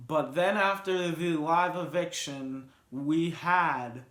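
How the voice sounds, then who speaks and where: A man's voice: on the high side, fairly even intonation, takes it slowly, a bit bright. A man hosting a casual vlog, rambling through sports and reality-show talk with frequent restarts. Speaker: vlog host. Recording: roomy echo.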